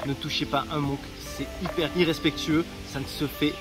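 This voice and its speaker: A man's voice: on the high side, steady tone, moderate pace, loud music behind the voice. A man giving casual travel advice in a vlog, chatty and direct with joking asides, recorded outdoors in a town. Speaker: travel vlogger.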